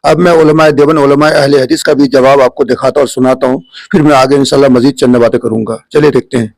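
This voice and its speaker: A man's voice: medium pitch, fairly even intonation, creaky, darkish tone. A man from India hosts a religious video, speaking directly to viewers and summarizing a question of Islamic etiquette. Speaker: host of an Islamic channel.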